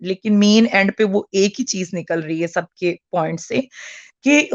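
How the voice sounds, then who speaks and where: Phoning in as a caller, a woman in her forties talks a little slowly at a medium pitch. She is earnest yet keeps hesitating, filling gaps and starting over, and the audio is dry and dull.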